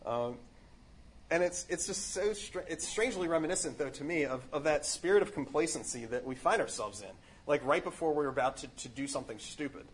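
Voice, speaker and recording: Earnest man, somewhat higher voice, husky texture, casual rambling spiritual talk. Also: animated, brisk. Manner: earnest, rambling with fillers and restarts. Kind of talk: casual spiritual reflection on a book.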